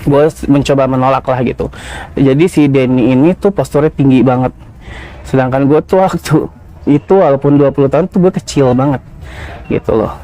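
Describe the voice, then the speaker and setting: A man's voice: mid-range voice, dark tone. A man, a podcast guest telling his personal story in casual, slangy, confessional talk. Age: 30s.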